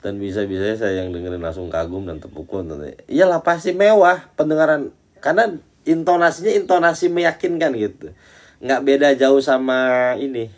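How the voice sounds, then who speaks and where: A man teaching a casual Islamic study talk, chatty and teasing as he speaks to his listeners as friends, swinging between loud emphatic lines and quiet muttered asides. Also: medium pitch.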